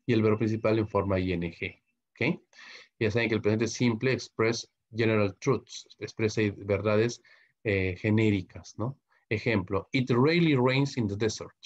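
A man's voice: lowish voice, breathy edge, lo-fi sound. A man with a Peruvian Spanish accent teaching English grammar in Spanish. He tags nearly every phrase with "¿ok?" or "¿no?", spells letters out and translates each example. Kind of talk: online grammar lecture in Spanish.

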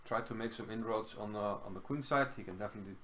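A man's voice: lowish voice, fast, a bit bright, a little hiss or hum. A middle-aged man from Iceland casually talking through a chess game at home, thinking aloud with lots of fillers. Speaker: chess commentator. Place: small room at home.

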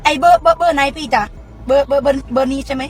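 A woman's voice: sits high, very fast, close to an everyday voice. A woman voicing a naive, chatty rural woman with a Khmer accent, repeating herself and playing confused on a prank phone conversation. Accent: Khmer-accented Thai. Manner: repetitive, rambling, playing confused.

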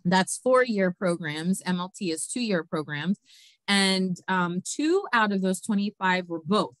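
A woman's voice: mid-range voice, lively intonation, a little slow, no echo. A woman hosting an online quiz show, walking through the results in a chatty way with many fillers and frequent laughs. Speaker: host. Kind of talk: casual presentation of competition results.

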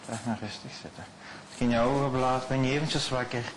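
A man working as a stage hypnotist, repeating slow, soothing suggestions and often dropping his voice to a hush. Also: medium pitch, fairly even intonation, slight background noise. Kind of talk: hypnosis show patter.

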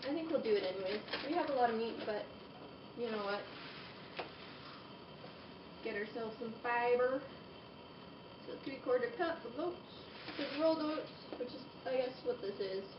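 A woman's voice: a little high, expressive, normal speed, long pauses. A young woman narrating a casual cooking demonstration in her home kitchen, chatting and making playful asides as she works. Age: young adult. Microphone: camera across the room. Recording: roomy, distant, dull home video audio with background hiss.

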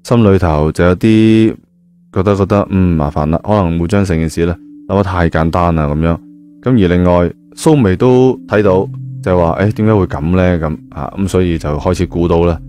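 A man with a dark, low voice narrates a novel at a brisk pace, his Cantonese accent clear. The telling is casual and conversational, with lots of spoken particles, set over background music.

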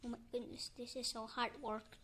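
Excitable high-voiced woman gamer. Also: normal speed, slight background noise. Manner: excitable, chanting "go, go" and "boom". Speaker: gameplay streamer. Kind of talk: excited gameplay commentary.

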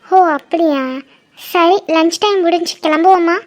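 A woman's voice: very high voice, fairly even intonation, measured pace. Woman voicing a hurt young mother-to-be. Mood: plain. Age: young adult. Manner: earnest, hurt, steadily explaining. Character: young pregnant woman, abandoned by her lover. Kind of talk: cartoon drama voice acting.

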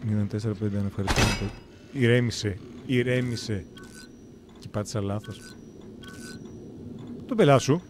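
A man's voice: on the low side, pauses often, very noisy. A man streaming a game live, joking and talking to himself and the game as he plays. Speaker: gameplay streamer. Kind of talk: live gameplay commentary. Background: game music.

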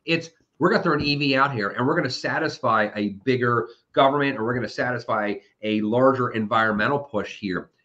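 A man gives analyst answers in an interview, talking things through aloud and restarting his sentences as he goes. His voice sits at a middling pitch. The recording sounds slightly dull and lo-fi. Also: sharp tone. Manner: quick, thinking-aloud delivery with frequent restarts. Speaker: automotive industry analyst.

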